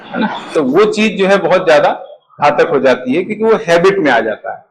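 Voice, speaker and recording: A man's voice: fairly high pitch, sing-song, fairly quick, noisy background. A middle-aged man, lecturing as an interview coach and often asking for agreement. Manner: explanatory, repeats "है ना?" for agreement. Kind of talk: classroom lecture.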